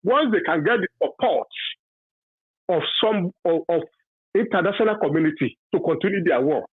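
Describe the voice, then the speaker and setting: This radio call-in features a husky-voiced Yoruba man from Nigeria, in his fifties, whose high-sitting voice has lively intonation. The dry, tinny phone line carries no room sound. His opinions come out haltingly, with restarts and fillers, though he stresses them forcefully.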